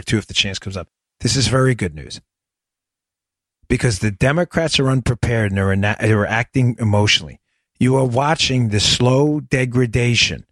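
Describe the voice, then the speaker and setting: A man's voice: on the low side, fairly bright tone, dry recording. Emphatic man hosting a show. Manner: emphatic, rambling, with frequent restarts. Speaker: radio show host. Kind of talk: political commentary monologue.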